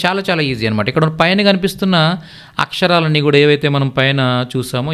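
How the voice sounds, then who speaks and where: Male hindi teacher, mid-pitched voice, slow repeated words, calm classroom explaining. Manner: repetitive, patient, drops voice on closing phrases. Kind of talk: explaining lesson.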